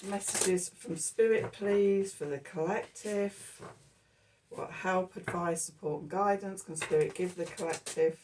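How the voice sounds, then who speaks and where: A woman's voice: lowish voice, noisy background. A woman giving a casual, chatty tarot reading, full of ums, with a voice a little distant from the mic. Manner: chatty and laughing often, with many ums. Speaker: tarot reader.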